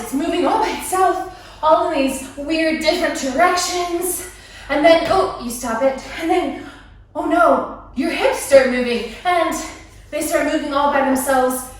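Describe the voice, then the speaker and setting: A woman walks through a dance routine, counting beats aloud in a playful, high voice. She stands well away from the camera mic. The room around her rings with heavy echo. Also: a little hiss or hum. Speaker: dance instructor. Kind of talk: dance lesson walkthrough. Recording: echoey room, mic far off.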